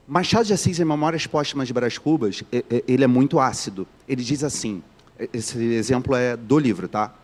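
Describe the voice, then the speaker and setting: A man's voice: on the high side, a little mellow. Joking Carioca male teacher. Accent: Carioca Brazilian Portuguese. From Rio de Janeiro, Brazil. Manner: joking, keeps quizzing the students. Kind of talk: live online class.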